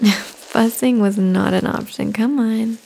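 A woman in an ASMR caretaker roleplay, speaking softly and soothingly, often in a whisper, close to the microphone. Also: fairly high pitch, fairly even intonation, slow pace, gravelly, slight background noise, rough recording.

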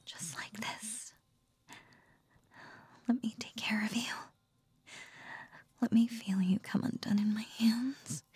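An ancient nine-tailed fox goddess, whispered by a woman, possessive and teasing. Her breathy, husky whisper is slow and gently gravelly, mellow in tone, and close and dry against the mic. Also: a little high, dry recording, heavily acted. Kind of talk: whispered ASMR roleplay.

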